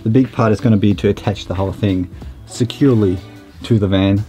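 Relaxed young man vlogging in a van. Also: fairly low pitch, fairly quick, soft background music. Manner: relaxed, chatty, many fillers. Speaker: vlogger building a camper van. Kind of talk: casual vlog walkthrough. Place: inside a camper van, small wood-panelled space.

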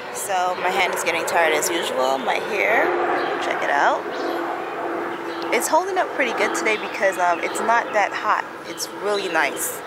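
Woman, 30s, rambling casual vlog chat, handheld camera, outdoor noise behind. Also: medium pitch. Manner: chatty, rambling, relaxed. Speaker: vlogger. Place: outdoors in a grassy park. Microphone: camera phone held at arm's length. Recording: noisy outdoor ambience.

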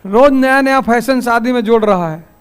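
Male exam-prep teacher with a high voice. Folksy, storytelling classroom lecture. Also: normal speed, clear, resonant tone. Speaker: civil services exam teacher.

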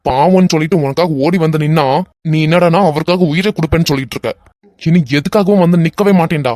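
An exasperated young husband from a cartoon, voiced by a man with a Kanyakumari Tamil accent. He scolds his friend in a sharp, weary way, with a voice somewhat high for a man. The sound is dry and close to the mic. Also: fast, dry recording, natural voice. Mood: angry. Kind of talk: animated web cartoon voice acting.

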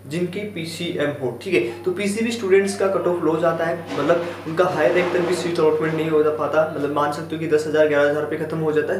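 A young man in his twenties, a counselor talking to camera, explaining admission cutoffs in a steady way and often saying "okay" between points. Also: a little high. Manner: steady, repetitive with fillers and "ठीक है". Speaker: education counselor and YouTuber. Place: small indoor room in front of a wooden door. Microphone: camera at close range, head and shoulders framed. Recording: echoey room with faint hum.

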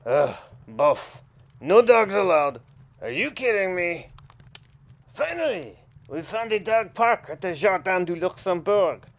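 A man voicing a young puppy boy narrating his adventures, slow-paced and swinging his voice around. He chats eagerly and grumbles in quick asides. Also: high-pitched, very animated, voice pushed up, exaggerated voice. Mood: chatty. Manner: chatty, exasperated asides. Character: young boy dog, eager and easily sulky.

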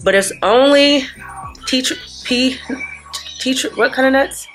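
Sniffly, a woman in her thirties, a vlogger and mother, talks casually to camera in a hotel room, teasing and spinning stories full of quoted asides. Her voice is high and a little slow, over soft background music in a rough recording.

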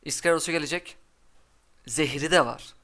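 A young man commentating his own game live, cheering his cards on and scolding the opponent in quick, excitable bursts. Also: on the high side. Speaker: gaming commentator.

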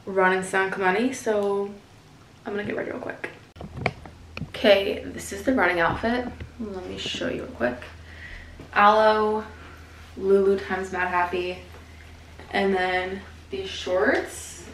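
A woman's voice: mid-range voice, measured pace, long pauses, slight background noise. A woman in her twenties chatting casually to camera at home and cooing doting baby talk to her dog. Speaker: vlogger. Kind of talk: casual vlog chat. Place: home kitchen and bedroom indoors. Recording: roomy echo with music bed. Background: background music.

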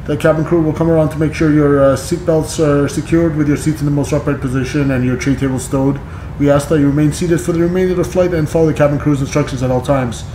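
A man who streams a flight simulator, giving a formal airline captain's announcement to passengers over the cabin speakers and pausing on fillers now and then. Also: fairly high pitch, fairly even intonation, mellow, echoey room, slight background noise, rough recording.

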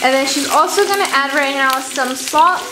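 A woman's voice: sits high, normal speed, background noise. A teenage girl narrating a casual home cooking vlog, chatty and upbeat with lots of "like" and "um", filmed on a handheld camera in a home kitchen. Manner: chatty, upbeat, uses "like" and "um" often. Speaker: vlogger.

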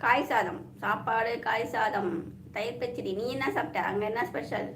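In an echoey room with a little background noise, a woman runs a relaxed live chat, reading out viewer comments and teasingly greeting people by name. Her voice is a bit high and a bit bright, and she talks at a normal pace.

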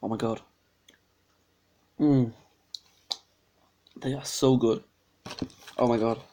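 Young man, mellow voice, talking through a mouthful of candy, chatty and rambling, faint hiss behind. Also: mid-range voice, fairly even intonation, slow pace. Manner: rambling, chatty, exclaiming over the taste. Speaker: vlogger. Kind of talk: casual taste-test vlog.

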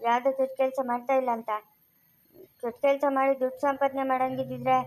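A man's voice: extremely high pitch, a little hiss or hum, rough recording. A performer in a family drama playing a male kidnapper who pleads innocence and dodges questions. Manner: pleading, evasive, defensive. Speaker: suspect in a family skit. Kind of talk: amateur family drama acting.

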